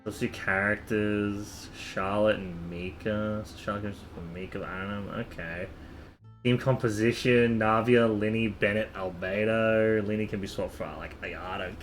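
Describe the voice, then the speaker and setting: His voice on the low side and steady, this gamer chats a little slowly on a casual live stream. He rambles and thinks aloud, swearing now and then. There is faint music behind him and noticeable background noise.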